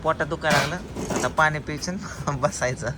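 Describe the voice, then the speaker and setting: A man's somewhat high voice, brisk but fairly even in intonation, comes through a very noisy recording. He's overseeing a family food challenge outside, rushing and ribbing the eaters while counting scores in excited, offhand commentary.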